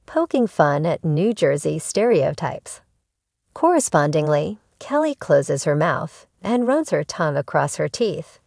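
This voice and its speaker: A woman reading scripted entertainment news narration in even, formal sentences. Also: sits low, vocal fry, no echo, studio quality.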